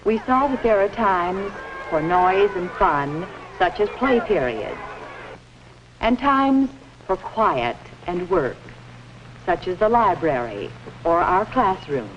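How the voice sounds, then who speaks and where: On a noisy, band-limited 1950s film soundtrack with the highs cut off, a woman speaks slowly in a fairly low, sing-song voice. She plays a kindly, orderly primary school teacher who patiently instructs young children.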